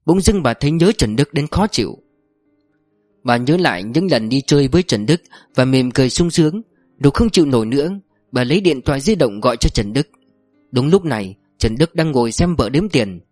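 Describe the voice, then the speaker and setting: A man narrating an audiobook story in a steady storytelling manner. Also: medium pitch, a little fast, no room sound, clean studio sound, soft background music.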